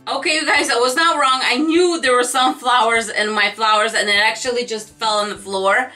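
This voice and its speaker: A woman's voice: fairly high pitch, fairly even intonation, moderate pace, bright, forceful tone, soft background music. A woman craft vlogger chatting casually to camera about her shopping haul, gushing and talking straight to her viewers. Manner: gushing, chatty, addresses viewers as "you guys".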